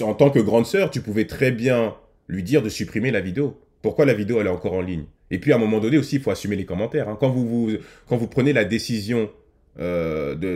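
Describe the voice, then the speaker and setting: A man's voice: on the low side, warm tone. A man talking casually to his viewers as a reaction host, hesitant with many fillers and restarts. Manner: addresses viewers directly.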